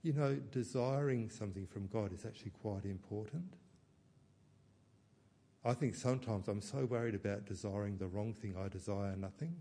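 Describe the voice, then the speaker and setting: A man's voice: lowish voice, slight background noise. A man giving a reflective sermon as a pastor, often questioning himself aloud. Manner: reflective, self-questioning, with soft laughs and restarts.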